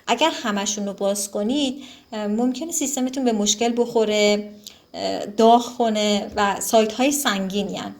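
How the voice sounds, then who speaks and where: A woman giving a casual screen-recorded software tutorial, relaxed and chatty, with frequent fillers and self-corrections. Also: medium pitch.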